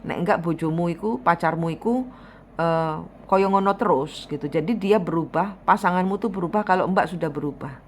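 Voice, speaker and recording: A woman's voice: fairly low pitch, fairly quick, a little hiss or hum. A woman giving a tarot reading, advising bluntly and emphatically, slipping into phrases. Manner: blunt, emphatic advice with repeated "gitu loh", drops into Javanese phrases. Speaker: tarot reader.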